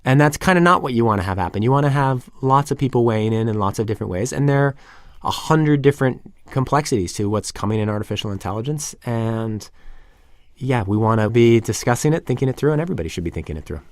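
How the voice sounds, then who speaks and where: A man with a gravelly voice talks as a podcast guest, thinking aloud and circling back on himself. The sound is dry and close to the mic. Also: medium pitch, expressive, quick pace, dry recording. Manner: thoughtful, rambling, many restarts. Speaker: podcast guest, magazine editor. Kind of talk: casual podcast interview.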